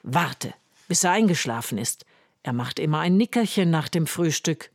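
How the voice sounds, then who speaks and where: Brief: woman reader as giant's wife, storybook, brisk, loud, a touch high. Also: animated, no echo, clean studio sound. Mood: hushed. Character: giant's wife, big, gruff but kind-hearted woman. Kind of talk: storybook reading.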